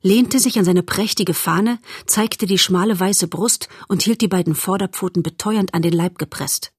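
A woman narrating a storybook in a calm, measured way, as an audiobook reader. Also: medium pitch, husky, no echo, studio quality.

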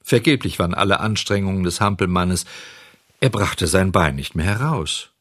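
Lively male storybook narrator. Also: low-pitched, normal speed, dry recording, studio quality. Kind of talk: audiobook storytelling.

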